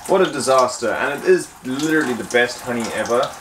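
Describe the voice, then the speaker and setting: A woman's voice: rumbling low, fast, noisy background. A woman chatting casually and playfully with a friend. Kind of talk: casual conversation. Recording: music playing over the talk.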